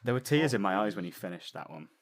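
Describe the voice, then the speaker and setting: A man's voice: on the low side, lively intonation, fast. A man running a podcast segment in casual chat, teasing, giggling and stumbling over his words. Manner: giggly, stammering restarts, teasing.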